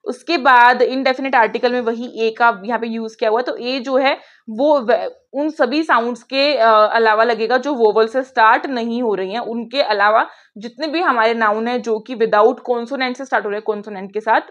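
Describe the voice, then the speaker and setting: A woman's voice: on the high side, fairly even intonation, moderate pace, fairly bright tone. A young woman teaching an online grammar class, chatty, asking her pupils questions and answering them herself. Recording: dull lo-fi sound.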